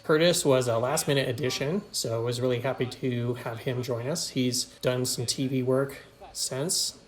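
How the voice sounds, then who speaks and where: A man's voice: medium pitch, fairly even intonation, normal speed. A filmmaker hosting his own show, casually narrating behind-the-scenes clips in an easygoing, chatty way. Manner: easygoing, chatty, with small laughs and fillers.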